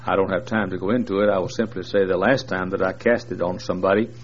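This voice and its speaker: With a low voice and a steady tone, a man in his sixties talks fast as a visiting preacher in a large church. He jokes with the congregation in a folksy style and uses many fillers. The recording is lo-fi and dull, with faint background noise.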